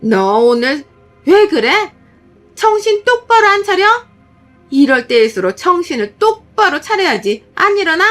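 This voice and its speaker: 여성이 연기하는 표독스러운 시어머니. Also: female voice, very high-pitched, very animated, unhurried, a bit bright, faint music behind, pitched above the performer's own voice, full character voice. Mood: scolding. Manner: scolding, contemptuous, screeching. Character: shrill domineering middle-aged mother-in-law.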